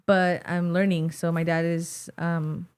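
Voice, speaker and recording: Speaking unhurriedly in a fairly low, mellow, clean voice with little pitch movement, a young woman with a Mexican American accent rambles through a casual interview, filling it with "like." She's a podcast guest on a small studio set with wooden tables. A boom-mounted studio microphone captures her.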